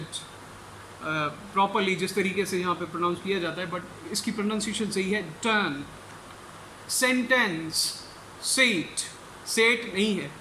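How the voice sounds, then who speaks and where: Guy teaching english pronunciation, high bright voice, says each word slow over and over, echoey room. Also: slight background noise. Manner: repeats each word slowly to demonstrate it; switches between Urdu explanation and English examples. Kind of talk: pronunciation lecture.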